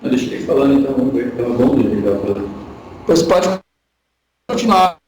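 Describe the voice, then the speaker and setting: A man's voice: mid-range voice, big pitch swings, normal speed, darkish tone. Man on a choppy, echoey call line. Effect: remote voice over a choppy internet call. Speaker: client in an online training call. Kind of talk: casual talk. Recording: echoey, far-off call audio with faint noise.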